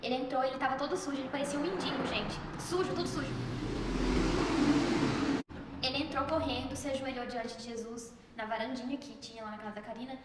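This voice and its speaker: A woman giving an emotional faith testimony, talking fast to her viewers and fighting back tears. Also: high voice, steady tone. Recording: echoey room with long reverb, faint noise.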